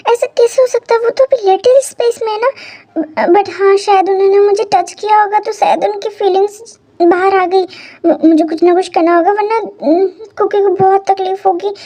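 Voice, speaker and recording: A woman's voice: very high voice, dark tone. A woman voicing a doting, fretful female caretaker who coaxes and fusses, often stammering, in a hobby audio story. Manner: coaxing, fussing, stammering.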